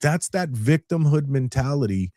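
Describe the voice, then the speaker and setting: A blunt middle-aged man from California co-hosts a casual, opinionated chat, swearing freely and slipping into sarcasm. His voice sits at an ordinary pitch. The sound is dry and close, with no room around it. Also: lively intonation, normal speed, warm tone, dry recording. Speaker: podcast co-host.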